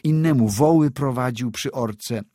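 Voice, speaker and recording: Husky male storyteller, dry sound. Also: medium pitch, warm tone, no room sound. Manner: measured storytelling with acted dialogue. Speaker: narrator. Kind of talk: audiobook reading of classic prose.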